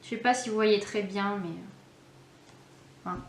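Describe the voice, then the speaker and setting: A woman's voice: mid-range voice, fairly even intonation, a little slow, a little hiss or hum. A woman giving a casual makeup tutorial, chatty and hesitant, with many fillers. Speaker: beauty vlogger. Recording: echoey room, faint background music.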